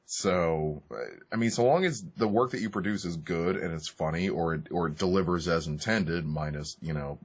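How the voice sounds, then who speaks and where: A man's voice: low-pitched, normal speed, hardly any pauses, muffled recording. A man co-hosting a podcast, chatting casually and bluntly, swearing often. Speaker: podcast co-host. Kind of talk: casual commentary chat.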